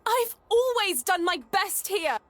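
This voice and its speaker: A woman voicing a troubled teenage girl, defensive and pleading, with breathy delivery in a dramatic video game scene. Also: high voice, moderate pace. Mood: upset, protesting.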